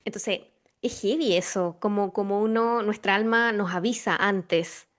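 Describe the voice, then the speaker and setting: A woman's voice: mid-range voice, a little slow, fairly bright tone. Reflective Chilean woman hosting a chat. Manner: reflective, many fillers and restarts. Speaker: podcast host. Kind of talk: casual spiritual conversation.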